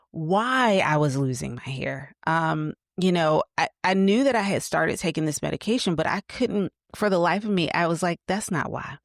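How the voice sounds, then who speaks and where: A woman's voice: low-pitched, no echo, clean studio sound. A woman hosting an advice podcast, telling personal stories in a chatty way with lots of fillers. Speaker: podcast host. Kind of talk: casual advice podcast monologue.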